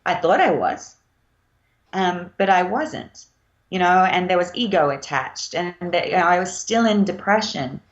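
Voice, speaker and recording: A woman author, an interview guest, speaks in a fairly low, unhurried voice during a casual interview chat. She's reflective and hesitant with many fillers, and the lo-fi recording sounds slightly dull.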